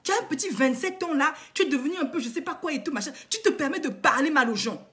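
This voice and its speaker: A woman's voice: high voice, expressive, fast talker, background noise. A woman vlogger and coach lecturing her viewers with indignant, emphatic rhetorical questions and lots of repetition. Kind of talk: impassioned moralizing monologue to viewers.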